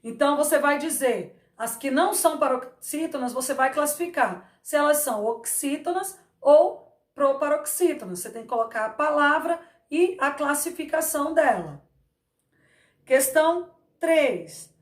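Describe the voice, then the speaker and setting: A woman teacher explaining grammar slowly, repeating words to stress their syllables. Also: high voice, animated. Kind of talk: Portuguese grammar lesson. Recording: echoey room.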